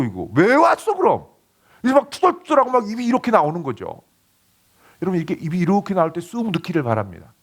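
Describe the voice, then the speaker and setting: A man preaching a sermon as a pastor, telling the story with lively acted-out quotes. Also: on the high side. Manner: animated storytelling, acting out quoted voices.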